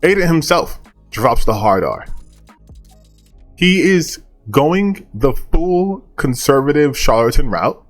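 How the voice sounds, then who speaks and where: A man's voice: on the high side, big pitch swings, takes it slowly, faint music behind. A male online commentator talking casually and bluntly, dismissive and opinionated, with some casual swearing.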